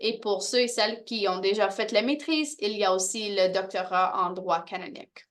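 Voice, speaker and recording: A woman presenting university programs to prospective international students, pausing often with fillers and restarting phrases. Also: mid-range voice, a bit bright. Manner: hesitant, many fillers and restarts.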